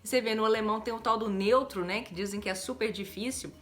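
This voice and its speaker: A Brazilian woman teaching English in a chatty, lively video lesson, often adding quick tag questions. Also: medium pitch. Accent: Brazilian Portuguese.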